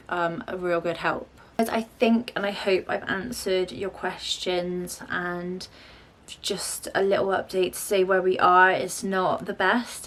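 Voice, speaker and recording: A young woman, a parent vlogger chatting casually to camera at home in a down-to-earth way. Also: mid-range voice.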